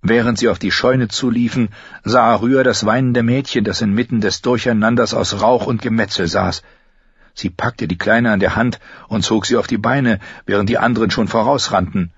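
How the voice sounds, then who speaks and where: Husky low-voiced man narrating an audiobook. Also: moderate pace, dry recording, dull audio. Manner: steady storytelling, raises his voice high for the characters' lines. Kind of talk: scripted narration of a fantasy novel.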